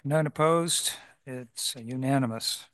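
A man chairing a public board meeting, calling votes in a formal, procedural way with halting pauses. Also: medium pitch, fairly bright tone, no echo, studio quality. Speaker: commission chair.

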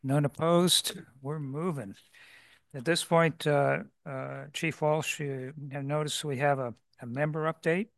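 A man chairing a public board meeting, calling votes in a formal, procedural way with halting pauses. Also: on the high side, steady tone, gravelly, no room sound, clean studio sound. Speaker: commission chair.

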